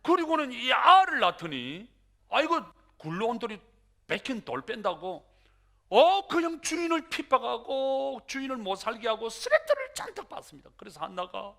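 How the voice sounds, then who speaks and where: A male pastor preaching a sermon in an animated way, acting out prayers and dialogue as he goes. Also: very high-pitched, moderate pace, gravelly.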